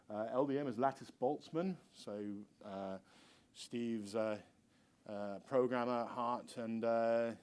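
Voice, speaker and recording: A middle-aged man who is a university researcher, giving a conference presentation in an informal, hesitant, halting way. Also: mid-range voice, a little mellow. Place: lecture room with seated audience.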